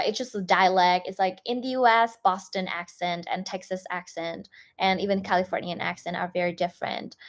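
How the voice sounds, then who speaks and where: A young YouTuber from northern Vietnam tells stories casually in English, her second language, on a livestream. She has a Northern Vietnamese accent and a medium-pitched voice, and her chatty delivery is full of "like" fillers and restarts.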